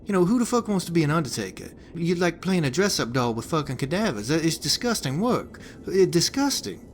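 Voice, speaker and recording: A man's voice: a little high, very animated, a little fast, a little hiss or hum. An actor playing a crude, rambling male hitman boss in a video game, talking in a profane, stammering flow full of restarts. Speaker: game character giving a hitman job.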